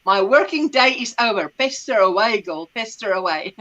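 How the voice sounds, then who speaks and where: On her casual livestream, a middle-aged woman who speaks Afrikaans reads out comments, chatting, rambling, groping for words and laughing a lot. Her mid-range voice is animated, pushed and bright, at a moderate pace. The highs in the audio are cut off.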